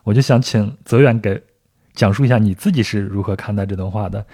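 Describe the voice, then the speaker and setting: A man hosts a podcast interview in a mellow voice with a faint husky edge. He talks in a measured, deliberate way as he sets up his questions. He reads a longer passage aloud at the same steady pace. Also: lowish voice. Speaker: podcast host. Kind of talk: podcast interview, steering the talk and reading a quotation aloud.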